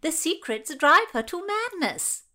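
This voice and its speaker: A woman's voice: very high-pitched, sing-song, unhurried, bright, forceful tone, voice pushed up, full character voice. A woman voicing a spiteful, scheming Tudor noblewoman with a nasal twang and falsely sweet manner in an audiobook reading. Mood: falsely sweet, sneering.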